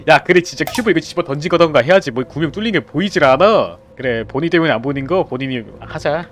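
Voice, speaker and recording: With faint music behind him, this young game streamer speaks fast in a slightly high voice. He commentates a horror game as he plays it, talks with his teammates, and yelps and shouts excitably whenever he's startled.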